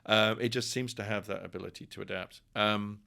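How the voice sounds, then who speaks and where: A middle-aged professor from England, guesting on a podcast, talks a little fast in a lowish, gravelly yet bright voice with a steady, forceful tone. His English-accented speech in the conversational interview is wry and wandering, with frequent repeated words as he thinks.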